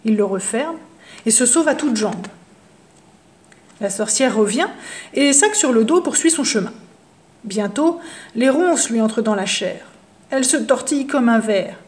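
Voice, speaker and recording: A woman reading a children's story aloud, lively and expressive, hushing for suspense. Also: on the high side, a little slow, pauses often.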